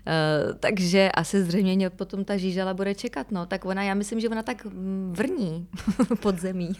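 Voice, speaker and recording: Herečka vypráví v rozhovoru pro podcast, upovídaně, s častým váháním a smíchem, nahráváno v pražském klubu. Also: female voice, medium pitch, darkish tone. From Czech Republic. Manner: chatty, hesitant fillers, laughs often. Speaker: actress, podcast guest. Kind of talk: casual interview chat. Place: Prague music club.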